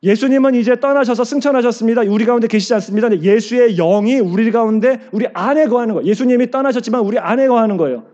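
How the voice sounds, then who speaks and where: A man's voice: extremely high pitch, fast talker, few pauses, darkish tone, lo-fi sound. A male pastor preaching a sermon, asking the congregation questions and answering them himself, and acting out quoted lines.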